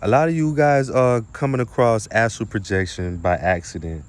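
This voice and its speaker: Speaking at a normal speed in a lowish voice, this man gives a casual spiritual talk as a content creator and speaker. He's emphatic and repetitive, uses slang, swears a little, and keeps throwing out rhetorical questions.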